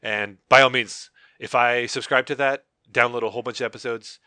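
A young man co-hosting a podcast, talking quickly in a bright, lively voice. He rambles and jokes, and keeps correcting himself mid-sentence. The sound is close and dry. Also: mid-range voice, dry recording. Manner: rambling, self-correcting, jokey. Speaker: podcast co-host. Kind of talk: casual chat.

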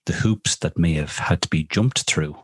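A man co-hosting a conversational interview, speaking haltingly and building long sentences piece by piece. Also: rumbling low, husky, no room sound, clean studio sound. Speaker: podcast host, social media professional.

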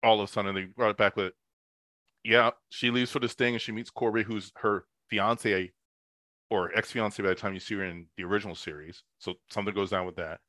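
A man in relaxed conversation with a bright, forceful tone. He is animated and laughs easily, and his voice sounds close and dry, with no room echo. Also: on the low side, a little fast. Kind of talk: casual chat.

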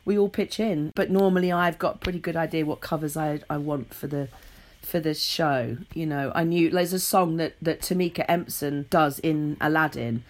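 A middle-aged British woman, a theatre writer and director, chats casually and animatedly as an interview guest. Her voice is low-pitched and she speaks at a normal speed.

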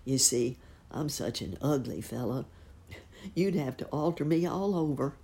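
A woman voicing a gentle, humble male pig who thinks he is ugly, speaking modestly and plainly. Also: very deep voice, lively intonation, a little slow, creaky, heavily acted.

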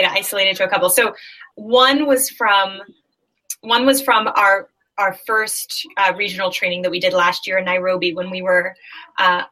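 A woman with a bright, clear voice talks through her experiences in an interview. She tells earnest stories and often restarts her sentences as she goes. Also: medium pitch, poor audio. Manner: earnest storytelling with frequent restarts. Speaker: director of a surgical aid organization. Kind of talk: conversational interview answers.

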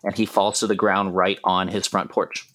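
A man's voice: deep voice, flat delivery, normal speed, fairly bright tone. A man acting as game master, narrating a tabletop game in a casual, conversational way.

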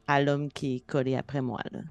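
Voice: mid-range voice, little pitch movement, fairly quick, vocal fry, no room sound, soft background music. A player, thinking aloud and describing their attack in a tabletop game. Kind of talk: casual tabletop play.

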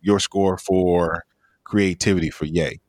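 Male podcast host, deep voice, dry sound, easygoing moderator. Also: measured pace, no room sound. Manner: laughs easily, steady moderating. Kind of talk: casual podcast discussion.

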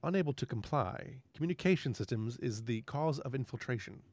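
A man voicing a calm computer core. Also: medium pitch, a little fast, no echo, natural voice. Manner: flat, clipped machine phrasing. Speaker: game master.

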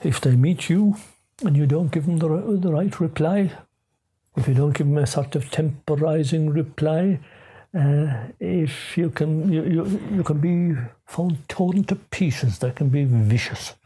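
An older Irishman tells folklore in the lilting way of a traditional storyteller. His Irish-accented voice is mellow and slightly husky, and he speaks unscripted. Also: a little high, a little slow, low-quality recording. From Ireland.

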